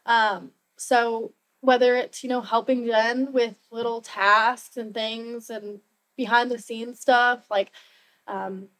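A woman's voice: on the high side, steady tone, slow pace, a bit bright, low-quality recording. Chatty upbeat young woman. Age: young adult. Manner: upbeat, chatty with many fillers. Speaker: new real estate agent. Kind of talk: casual interview chat.

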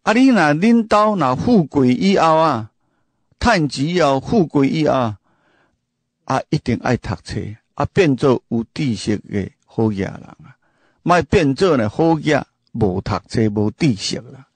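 A man's voice: medium pitch, animated, measured pace, slightly rough, no room sound. A man who grew up speaking Hakka hosts a casual storytelling monologue. He talks emphatically, asks the listener many rhetorical questions, and repeats and restarts his phrases. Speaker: host.

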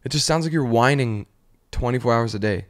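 A man hosting a casual comedy podcast. He tells stories with animated energy in a mid-pitched voice. He fills his talk with "like" and "literally" and breaks into laughter. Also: brisk. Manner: animated storytelling, heavy use of "like" and "literally", laughing often. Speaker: podcast host.

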